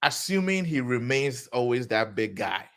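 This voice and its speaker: A man hosting a boxing talk show, asking questions in a lively, teasing, conversational way. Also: mid-range voice, normal speed. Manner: lively, laughs and teases the guest. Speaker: show host. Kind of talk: casual interview.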